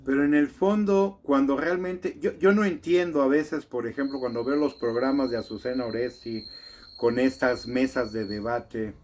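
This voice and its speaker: A man's voice: medium pitch, normal speed, darkish tone, a little hiss or hum. A man giving an indignant political commentary monologue, full of rhetorical questions and frequent tag questions. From Mexico.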